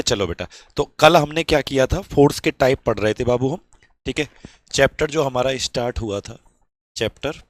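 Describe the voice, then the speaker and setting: A man's voice: mid-range voice, no echo. Guy teaching science live, chats w students a lot, dry close mic. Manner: chatty, reads student comments aloud, calls students beta. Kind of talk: live online class.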